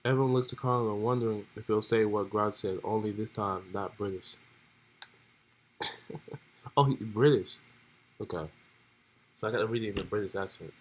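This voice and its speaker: A man's voice: on the low side, fairly even intonation, moderate pace, pauses often, poor audio. A young man streaming, laid-back and joking as he reads role-play text aloud in casual commentary.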